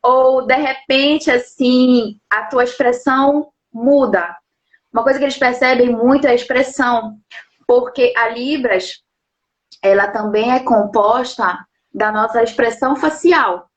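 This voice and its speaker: High-voiced woman explaining patiently. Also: fairly even intonation, a little slow. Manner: explains patiently, leans on tag questions. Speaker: sign language interpreter and lawyer. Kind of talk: explanatory live interview talk. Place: at home.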